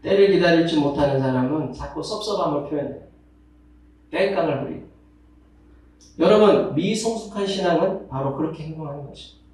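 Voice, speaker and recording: A male pastor preaching a Sunday sermon, lively, acting out whining voices to make his points. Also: fairly high pitch, a little fast, long pauses. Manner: animated, acts out complaining voices with sighs. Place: church sanctuary. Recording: echoey sanctuary from far off.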